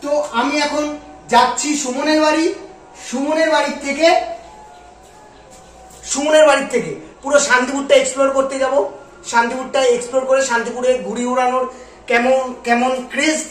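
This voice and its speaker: A high-voiced man talks loudly and eagerly to his viewers. His voice booms through a heavy room echo, like a small cathedral, and sits back from the mic. There is a faint hum of ambience behind him. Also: level tone, a little fast, pauses often, soft background music. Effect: heavy booming room echo. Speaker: vlogger. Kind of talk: casual vlog talk to camera. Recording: very echoey room, voice from a distance.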